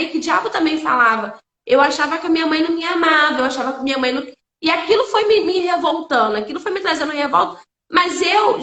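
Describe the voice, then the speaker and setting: A woman hosts a live stream and shares a personal faith testimony in a high, bright voice. She speaks earnestly and emotionally, circling back to repeat key phrases. Her voice carries a noticeable echo from the room.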